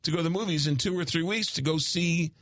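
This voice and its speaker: A man hosting a radio talk show, chatting casually and haltingly, often repeating words as he goes. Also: a little high, a bit bright. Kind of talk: casual conversational radio chat.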